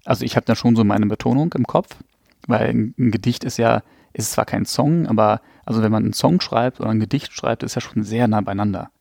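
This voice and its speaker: A man's voice: lowish voice, creaky, a little mellow, no room sound, studio quality. A man, a poet, talking about his work in a podcast interview, thoughtful and loose with fillers. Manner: fast, thoughtful, lots of fillers. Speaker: poet guest. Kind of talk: casual interview.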